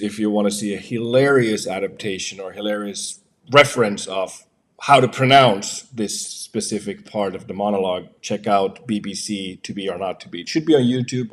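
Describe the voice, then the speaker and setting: A man, a voiceover artist, chatting casually about voice software from his home office, with frequent fillers. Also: lowish voice. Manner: chatty, filler-heavy explaining. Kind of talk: casual tech review.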